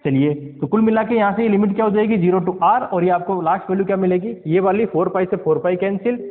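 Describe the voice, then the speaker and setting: Guy teaching physics, highish voice, keeps asking the class if they got it, tinny echoey audio. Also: fast. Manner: keeps asking the class questions, checks understanding; mixes English science terms into Hindi. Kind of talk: classroom lecture at a board. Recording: tinny lo-fi sound with long reverb.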